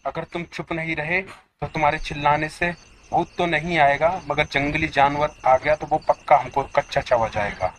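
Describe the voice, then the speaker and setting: A man's voice: fairly high pitch, steady tone, normal speed, a bit bright, slight background noise, lightly acted. A man voicing a level-headed villager who brushes off his friend's fears and scolds him, in a cartoon story. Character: calm, scolding adult male villager.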